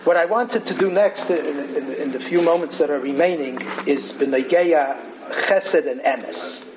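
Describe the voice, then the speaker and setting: A man teaching a Torah class as a lecture, animated and singsong when he quotes verses. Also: fairly high pitch, a little slow, background noise. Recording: crowd audible behind him.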